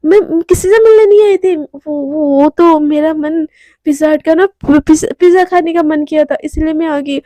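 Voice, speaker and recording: A woman's voice: sits high, moderate pace, dark tone, dry recording, close to an everyday voice. A woman voicing a nervous young college woman who stammers and repeats words. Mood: flustered.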